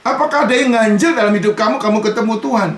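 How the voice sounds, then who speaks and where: Gravelly high-voiced male pastor preaching. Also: quick pace. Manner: conversational preaching, often addressing the congregation as "saudara"; mixes in English "you" and casual Jakarta-style particles. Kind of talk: sermon. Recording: echoey room.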